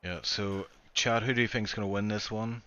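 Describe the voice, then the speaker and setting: A man's voice: on the low side, fairly even intonation, normal speed, fairly bright tone, muffled recording. A man hosting a league sim race stream, chatting casually, asking his co-commentator questions and reading out viewer comments.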